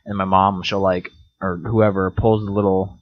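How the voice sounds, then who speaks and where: A young man co-hosting a casual podcast, playful and joking, often laughing and jumping into silly high voices. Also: flat delivery, moderate pace. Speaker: podcast co-host. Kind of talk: casual chat. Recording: dull lo-fi sound.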